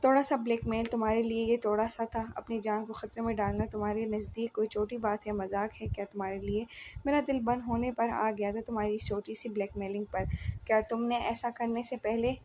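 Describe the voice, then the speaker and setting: A woman's voice: a little high, flat delivery, a little fast, warm tone, a little hiss or hum, close to an everyday voice. A woman voicing an angry, protective young husband in a storybook romance, speaking sternly. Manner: stern and scolding, then coaxing.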